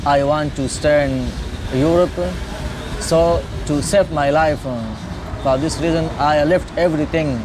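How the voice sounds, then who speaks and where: A man from Afghanistan giving a halting interview testimony in English, often searching for words. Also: fairly high pitch, steady tone, noisy background. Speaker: refugee interviewee. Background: background music.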